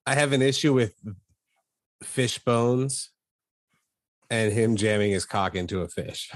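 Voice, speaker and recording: A man's voice: medium pitch, takes it slowly, no room sound. A man co-hosting a casual sports podcast, tossing in dry wisecracks. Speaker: podcast co-host. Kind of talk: casual chat.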